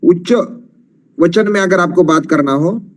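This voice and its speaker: High-voiced man teaching Sanskrit pronunciation. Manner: patient explaining, chants verses slowly with drawn-out vowels. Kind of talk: online class teaching.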